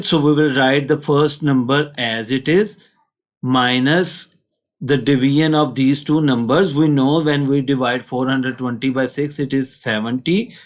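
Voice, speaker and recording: A man with a Pakistani accent teaching a maths lesson step by step, in a patient, instructional way. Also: mid-range voice.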